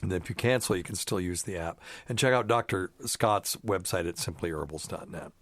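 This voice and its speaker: A man's voice: low voice, fairly quick, a little hiss or hum. A middle-aged man hosting a medical call-in podcast, reading ads in a rambling, joking way full of fillers. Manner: rambling, jokey, many fillers. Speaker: podcast host, doctor. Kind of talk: casual chat and ad reads.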